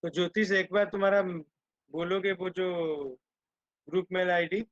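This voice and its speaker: Male online lecturer. Slow, deliberate and stern with his class, on dull lo-fi call audio. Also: high voice, fairly even intonation, no echo. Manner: slow and deliberate, switching between Hindi and English, scolding the students. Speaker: teacher.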